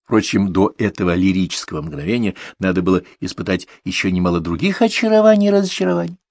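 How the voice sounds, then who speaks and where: A man's voice: sits low, big pitch swings, quick pace, a little mellow, no room sound, clean studio sound. A man narrating a confessional story in an intimate way, speaking to his son. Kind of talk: audiobook reading of a confessional novel.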